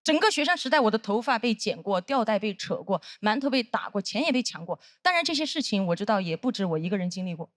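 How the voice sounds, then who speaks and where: A woman in her thirties performing a stand-up comedy set on stage, telling stories with animated acted-out voices. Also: medium pitch, fast, hardly any pauses, no room sound, studio quality. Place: comedy stage with live audience.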